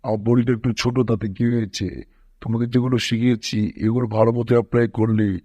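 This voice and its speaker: A man's voice: medium pitch, level tone, a little fast, mellow, dry recording, natural voice. A man voicing a small, boastful male martial-arts master in a fan cartoon dub who brags about his power. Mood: bragging. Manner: bragging, groaning when hit.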